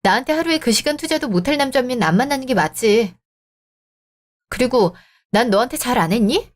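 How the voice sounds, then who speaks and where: A woman's voice: a little high, lively intonation, brisk. A woman acting the heroine in a radio drama, cold and cutting as she speaks.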